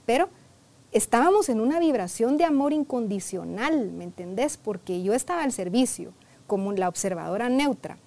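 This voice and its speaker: A woman's voice: on the high side, lively intonation, normal speed, darkish tone. A woman therapist telling a client's story in a conversational interview, often adding "right?" and "I mean" and acting out dialogue from the session. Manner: conversational, peppered with "¿verdad?" and "o sea".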